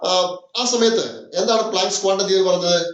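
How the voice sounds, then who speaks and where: A man with a high-pitched, fairly bright voice speaks at a steady, slightly slow pace in a roomy space, though the audio is dull. He's giving a chemistry classroom lecture in a Malayali accent, moving between English and Malayalam and repeating points with plenty of "okay"s.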